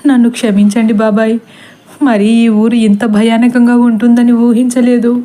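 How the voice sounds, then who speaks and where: A woman's voice: on the high side, flat delivery, a little slow, mellow, close to an everyday voice. A woman voicing a frightened young woman who pleads in a trembling, tearful way in a storybook reading. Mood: anxious.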